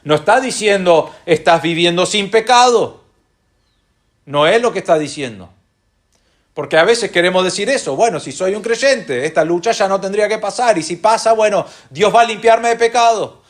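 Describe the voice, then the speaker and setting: Earnest Argentine preacher, higher voice. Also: male voice. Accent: Argentine Spanish. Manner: earnest, slows down to stress key phrases, asks the congregation rhetorical questions. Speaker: pastor. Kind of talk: sermon.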